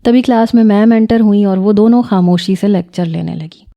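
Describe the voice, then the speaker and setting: A woman narrating a romance novel in a steady, even storytelling voice. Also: mid-range voice, lo-fi sound. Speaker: audiobook narrator. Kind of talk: scripted narration.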